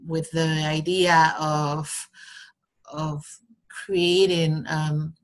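A woman from the Basque Country with a Basque Spanish accent, talking casually and haltingly as an interview guest. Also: deep voice, little pitch movement, low-quality recording. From Basque Country, Spain. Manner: halting, rambling, tags phrases with "no?". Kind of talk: casual conversational interview answers.

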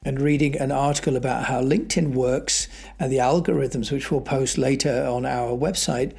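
A man's voice: mid-range voice, fairly even intonation, normal speed, vocal fry, darkish tone, slightly rough. A man hosting his own podcast, talking through his thoughts alone in a conversational way, with fillers and the odd restart. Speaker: podcast host. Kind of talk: solo podcast monologue.

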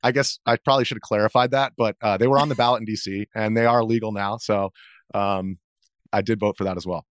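A video journalist in his thirties, appearing as a guest in a casual interview, feels his way through answers in loose, wandering sentences. His fairly low voice is steady and quick, recorded close and dry with no room sound.

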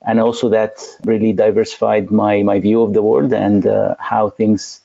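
A man from Egypt with a low, gravelly, dark-toned voice, answering as an interview guest. He speaks thoughtfully, pausing often and filling gaps. The audio sounds dull and lo-fi, like a remote call. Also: little pitch movement. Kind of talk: interview conversation.

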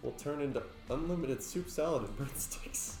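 A man's voice: fairly high pitch, moderate pace, darkish tone. A young man playing a party card game with friends, telling stories and laughing through his lines. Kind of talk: casual chat. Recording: echoey room with faint music.

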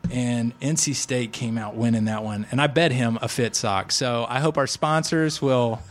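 A man in his forties hosts a casual sports podcast, joking and chatting in a medium-pitched voice at a moderate pace. He often starts his sentences over.

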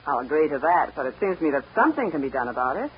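An actress playing a brisk, earnest young Eastern woman who has taken charge of her ranch, in 1940s radio acting. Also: sits low, very animated, breathy edge, full character voice. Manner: firm, decisive, earnest. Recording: dull old radio broadcast with faint hiss.

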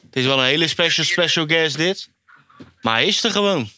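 A man's voice: fairly high pitch, expressive, brisk, bright, forceful tone. Een man die als podcasthost losjes en plagend met zijn gasten kletst. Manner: teasing, joking. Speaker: podcast host. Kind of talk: casual podcast chat.

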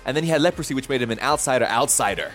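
A male pastor giving a bilingual sermon, telling the story in an animated way and pausing for his interpreter. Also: medium pitch, faint music behind. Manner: animated storytelling, chuckles often.

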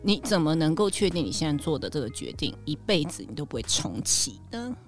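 Animated woman teacher telling stories. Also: sits low, brisk, music in the background. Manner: animated storytelling, laughs at own jokes. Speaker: guest, high school teacher. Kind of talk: casual podcast chat.

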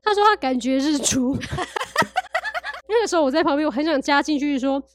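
A woman chatting casually, telling lively anecdotes and laughing often. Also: high voice, normal speed, soft background music. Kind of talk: casual chat.

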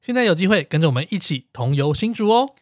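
A man's voice: sits high, sing-song, quick pace, dry recording, studio quality. A man with a Taiwanese Mandarin accent hosting a travel podcast in an upbeat way. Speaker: podcast host.

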